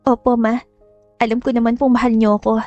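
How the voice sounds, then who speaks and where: A woman's voice: on the high side, flat delivery, brisk, no room sound, highs cut off, soft background music, close to an everyday voice. A woman voicing a shy, obedient twenty-year-old village girl who speaks politely and hesitantly. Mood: timid. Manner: polite, hesitant, soft-spoken.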